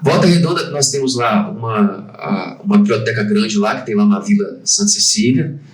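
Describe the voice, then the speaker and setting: A man's voice: fairly low pitch, expressive, moderate pace. A Brazilian man in his fifties, a podcast guest who talks in a hesitant way, full of fillers and restarts. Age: 50s. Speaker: guest, franchise owner. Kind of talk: conversational podcast interview. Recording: roomy, distant from the mic.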